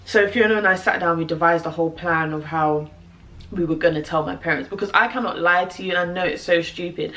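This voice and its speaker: A young British woman telling a personal story to camera, animated and laughing, with lots of fillers. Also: lowish voice, a little fast. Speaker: vlogger.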